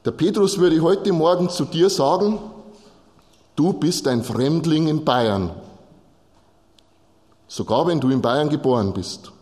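A man from Bavaria, Germany, preaches a sermon, teaching Bible texts to a congregation in short, repeated phrases and addressing listeners directly. His voice is a little high, expressive, and darkish. He speaks at a measured pace with long pauses, and a long hall reverb surrounds it.

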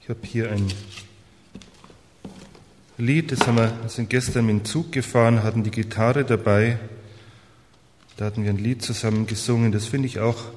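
A man's voice: medium pitch, fairly even intonation, normal speed, pauses often, a little mellow, slight background noise. Male lay preacher, strained voice, direct and plain with listeners, reads aloud, long hall reverb. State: voice not in good shape. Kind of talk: devotional talk with reading aloud.

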